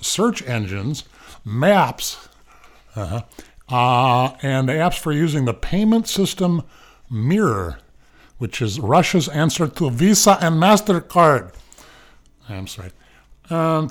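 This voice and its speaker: Rambling, wisecracking male radio host. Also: fairly high pitch. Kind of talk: casual news commentary. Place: radio studio.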